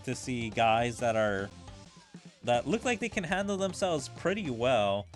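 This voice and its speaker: Medium in pitch and a bit bright, this male streamer rambles casually through gameplay, speculating as he goes and leaning on filler words. He also reads in-game dialogue aloud while video game music plays underneath.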